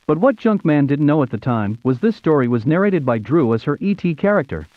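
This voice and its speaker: In a sing-song, higher-pitched voice, an American YouTube host in his fifties narrates fairly quickly. His nostalgic narration follows a scripted storybook style, and the recording is tinny and narrow-band, like a phone line.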